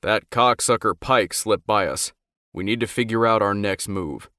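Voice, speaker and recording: A gruff biker club president, as a male narrator puts him on barks out orders loudly in a dry, close-up read. the voice sits a touch lower than most men. he is rough, blunt and in charge of the whole club. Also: normal speed, no room sound. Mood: commanding. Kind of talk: audiobook character voice.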